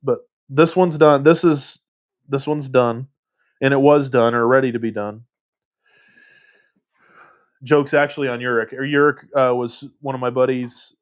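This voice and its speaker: A man's voice: mid-range voice, fairly even intonation, a little slow, long pauses. A man casually hosting a livestream, reading viewer comments aloud and rambling with self-deprecating laughs. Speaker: livestream host.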